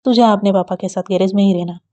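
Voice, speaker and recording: A woman's voice: medium pitch, steady tone, fast, warm tone, close to an everyday voice. A woman voicing a playful old grandmother who scolds her granddaughter in a teasing, mock-stern way in a storybook reading. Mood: teasing scolding.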